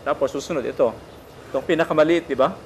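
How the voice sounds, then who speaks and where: Priest guy, kinda high voice, gentle teaching talk, bit of noise behind. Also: quick pace. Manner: gentle, teaching, often asks "di ba?". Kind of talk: casual spiritual talk.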